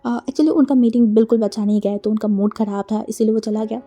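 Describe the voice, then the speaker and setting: A woman's voice: a little high, steady tone, fast, warm tone. A woman narrating a fan fiction story in a casual, chatty way, dropping in English connecting words.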